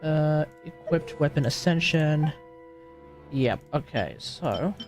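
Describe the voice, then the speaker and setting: An Australian livestreamer gives casual gaming commentary, muttering to themselves and swearing mildly over video game music. The voice is mid-range, slow, and lively in intonation.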